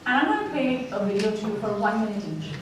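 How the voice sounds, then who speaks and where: A woman's voice: mid-range voice, big pitch swings, quick pace. A woman with an Indian accent giving an interactive conference talk as a public speaker, emphatic and putting questions to her audience. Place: large indoor conference room with an audience. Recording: roomy, echoing hall, distant mic, audience noise.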